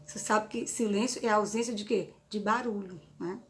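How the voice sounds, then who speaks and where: A woman's voice: mid-range voice, fairly quick. A woman teaching a grammar lesson, explaining through examples and checking in with frequent tag questions. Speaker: Portuguese teacher.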